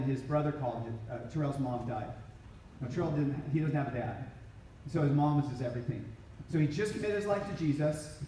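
A man's voice: a little high, darkish tone, recorded from a distance, a little hiss or hum. A middle-aged man giving an inspirational talk to a conference crowd, storytelling and acting out quoted lines with energy. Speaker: regional ministry director. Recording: echoey hall from off-mic.

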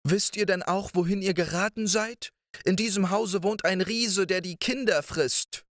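A man's voice: high-pitched, measured pace, fairly bright tone, no echo, clean studio sound, voice pushed up. A man voicing the worried, kindhearted wife of a giant in a storybook reading, speaking in a raised, coaxing voice. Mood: warning. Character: giant's kind, anxious wife, middle-aged woman.

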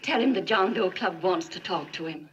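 An actress playing a reporter who coaxes and persuades, in 1940s film style. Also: female voice, fairly low pitch, expressive, moderate pace, fairly bright tone. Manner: coaxing, persuasive. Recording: muffled 1940s film soundtrack.

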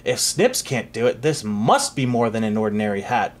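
A storyteller voicing an impatient male king who barks loud commands, with a husky voice. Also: mid-range voice, sing-song, normal speed, pitched below the performer's own voice. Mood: puzzled.

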